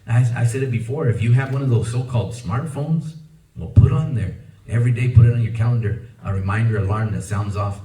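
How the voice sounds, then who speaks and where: Man, pastor, bilingual sermon, rhetorical questions, mellow tone, echoey church, distant mic. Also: medium pitch, moderate pace. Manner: preaching with rhetorical questions and acted quotes.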